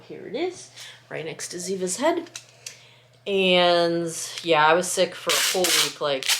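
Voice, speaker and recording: Packing skincare orders at a table indoors at home, a woman who runs her own small skincare business talks casually in a mid-range voice, congested and sniffly from a cold that won't go away. She rambles, often stopping herself mid-thought to say sorry. A camera set close by picks her up, with slight hiss or hum.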